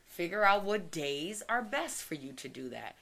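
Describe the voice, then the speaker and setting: A woman's voice: fairly low pitch, big pitch swings, moderate pace, gravelly, a bit bright. A woman co-hosting a radio talk show, giving practical, matter-of-fact advice. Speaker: radio co-host, preschool teacher.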